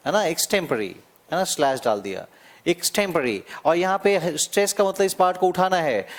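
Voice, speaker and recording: A male English teacher with a high voice explains slowly in an exam-prep lesson. He draws out key words and repeats them, checking in with "है ना?"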